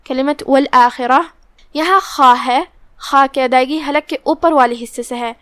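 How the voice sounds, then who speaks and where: A woman teaching the rules of Quran recitation, explaining each letter step by step and then reciting slowly and drawn out. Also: high-pitched, fairly bright tone, clear, resonant tone, dry recording. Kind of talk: tajweed lesson with slow recitation.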